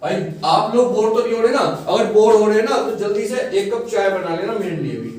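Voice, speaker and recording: Male maths tutor, high-pitched, coaxing, recorded far from the mic. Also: lively intonation, fairly quick, darkish tone. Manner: coaxing, keeps checking students follow. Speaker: maths teacher. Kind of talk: classroom-style maths lesson. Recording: echoey room, far from mic.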